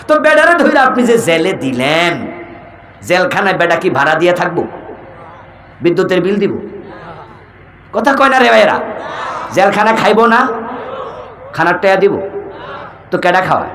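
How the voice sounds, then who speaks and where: Brief: fiery male preacher, high sharp voice, echoey PA sound. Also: very animated, moderate pace, pauses often, a little hiss or hum. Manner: rhetorical questions to the crowd, shouting peaks. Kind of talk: fiery political sermon.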